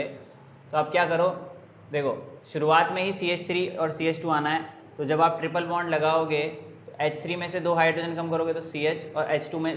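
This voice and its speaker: A fairly high-voiced male chemistry teacher explaining step by step. He asks his own questions and answers them, counting atoms aloud. The room echoes and there is a faint hiss behind him. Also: fairly bright tone. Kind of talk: classroom lecture, explaining step by step.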